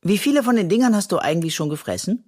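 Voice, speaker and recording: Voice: medium pitch, lively intonation, fast talker, a little mellow, pitched above the performer's own voice, lightly acted. A reader voicing a curious, easily bored young girl in a children's audiobook, asking questions with sighs.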